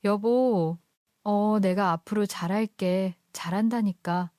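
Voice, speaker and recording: A woman's voice: medium pitch, slow pace, darkish tone, no echo, clean studio sound, natural voice. A woman voicing a sly husband who coaxes and pleads with his wife for money. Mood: coaxing. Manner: coaxing, pleading.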